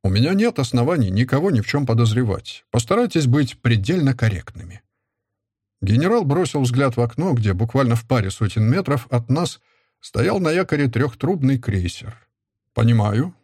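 Male audiobook reader, husky and measured, close dry mic. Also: mid-range voice, sing-song, darkish tone, no room sound. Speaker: audiobook narrator. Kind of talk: first-person audiobook narration.

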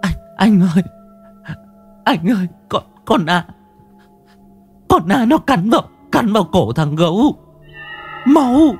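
A man's voice: sits high, takes it slowly, mellow, husky, faint music behind, voice pushed up, exaggerated voice. A man voicing a terrified young village wife who stammers in breathless panic. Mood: panicked.

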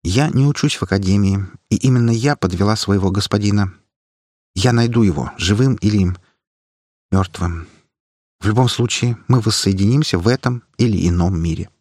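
A man voicing Min, a grim, loyal young woman bodyguard who speaks flatly and categorically. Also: on the low side, moderate pace, dry recording, clean studio sound, lightly acted. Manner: flat, categorical.

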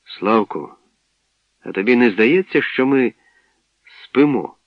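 A man's voice: medium pitch, expressive, slow pace, dry recording, voice pushed up. A man voicing a sulky, gloomy boy who whines and pleads, on a dull lo-fi radio recording. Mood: pleading. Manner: whiny, pleading.

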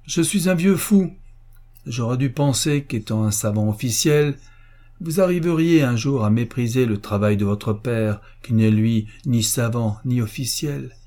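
A man's voice: mid-range voice, normal speed, warm tone, close to an everyday voice. A man doing an indignant old father. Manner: bitter, reproachful speeches.

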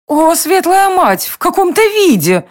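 A woman voicing a quick-tempered elf queen, exclaiming indignantly in a storybook reading. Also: very high voice, very animated, voice pushed up, exaggerated voice. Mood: alarmed.

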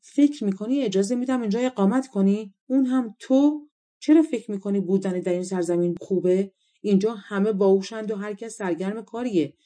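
A proud, scornful fairy queen from a storybook, as a woman narrator puts her on. She gives orders in a dark, mellow voice. Her tone stays haughty and commanding. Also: fairly low pitch, natural voice.

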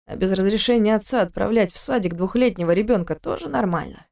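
A woman's voice: medium pitch, quick pace, creaky, natural voice. A woman voicing a cold, mocking husband. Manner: quiet, mocking, menacing. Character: cold, scornful adult man, a controlling husband. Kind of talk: audiobook character reading.

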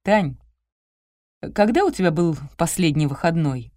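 A joking male best friend teases his colleague in an easygoing way, as a woman narrator reads his lines. The voice is low and warm. The recording is dry and close-miked. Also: lively intonation, a little slow, no echo. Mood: teasing.

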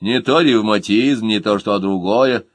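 A man voicing an old peasant nanny woman who scolds loudly in a folksy way, in an audiobook. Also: on the low side, measured pace, no echo, voice pushed down. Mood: grumbling. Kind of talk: audiobook character voice.

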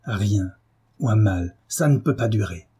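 A man reading a drunken, brutish middle-aged husband, speaking slowly with slurred pauses and a low, husky, dark voice. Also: lively intonation. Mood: drunk, menacing. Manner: slow, slurred, with frequent pauses.

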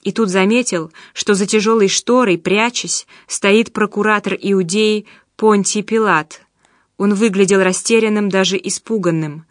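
A woman reading an audiobook in steady, measured scripted narration. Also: medium pitch, no echo, clean studio sound.

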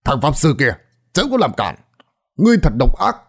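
A man's voice: mid-range voice, big pitch swings, normal speed, gravelly, pitched above the performer's own voice. A righteous exorcist rebukes and chants an incantation, voiced by a man narrating. Each phrase rises with force. Stern and ritual. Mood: stern chanting.

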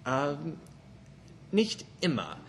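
A young man, a native English speaker with an American accent, speaking halting learner's German as a student in a conversational interview. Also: a little high, wildly swooping pitch, slight background noise. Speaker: language student being interviewed. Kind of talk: conversational language-practice interview.

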